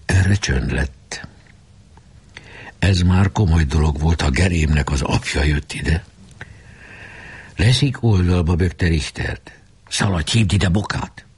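A man reading a novel aloud with expressive storytelling. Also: very deep voice, long pauses, slightly rough. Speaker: audiobook reader. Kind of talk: scripted narration.

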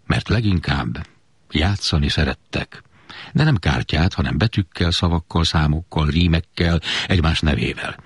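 A man reading a memoir aloud as scripted narration, in a measured storytelling manner. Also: rumbling low, animated, breathy edge, no echo.

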